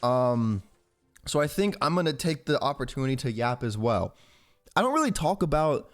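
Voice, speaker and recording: A man in his early twenties from Georgia in the southern US, with an American accent, chatting informally and rambling as he commentates on a game. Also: mid-range voice. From Georgia, southern United States. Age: early 20s. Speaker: gaming YouTuber. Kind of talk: casual gameplay commentary with personal chat.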